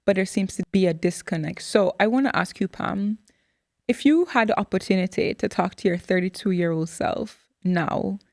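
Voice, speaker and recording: Woman in her 30s hosting a candid chat, lively and expressive, dry audio. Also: mid-range voice, normal speed, gravelly, dry recording. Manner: animated and expressive. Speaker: host.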